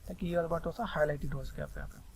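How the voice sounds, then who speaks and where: A man with a Hindi accent talks fast through a screen-recorded sculpting tutorial, rambling and repeating the same filler phrases over and over. His voice sits slightly high with a gravelly edge. Faint noise hums under the recording. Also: fairly even intonation.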